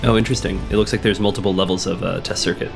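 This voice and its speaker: A let's play host with a cold, hoarse and a bit sniffly, chats casually during a video game, thinking out loud and reading on-screen text. His low-pitched voice keeps a steady tone at a very fast pace. Game music plays behind him.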